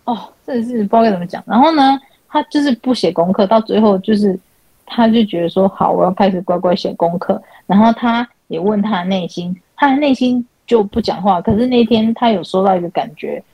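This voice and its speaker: Woman, online chat host, lively storytelling, husky voice, dry sound. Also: mid-range voice, brisk, no echo, muffled recording. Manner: animated retelling, acting out quoted dialogue. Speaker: podcast host and spiritual counselor. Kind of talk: casual chat, telling client stories. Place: online chat room call.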